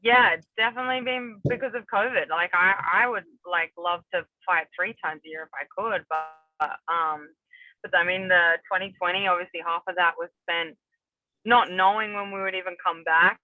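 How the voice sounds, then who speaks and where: Heard over a thin, phone-like video call that's dry with no echo, this young MMA fighter from New Zealand speaks at a fairly low pitch and normal speed. As an interview guest she's chatty and rambling, full of fillers and restarts.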